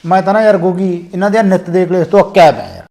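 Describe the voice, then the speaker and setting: Racing along in a full character voice, this man's high, gravelly, slightly mellow delivery swings widely in pitch. He's acting an elder brother in a family comedy skit, insistently reasoning with relatives to end a household quarrel, with music behind him.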